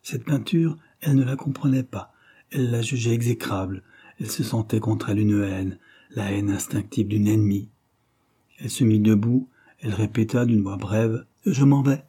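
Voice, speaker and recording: An audiobook narrator with a husky, low male voice delivers scripted literary narration in a measured, even storytelling manner.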